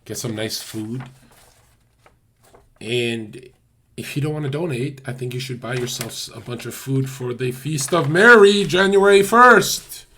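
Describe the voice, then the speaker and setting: A man's voice: medium pitch, a little slow, sharp tone, a little hiss or hum. Guy running a livestream, chatting w his viewers, blunt and cussing a lot. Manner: blunt, swears a lot, talks straight to chat. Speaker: livestream host. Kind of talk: casual livestream chat.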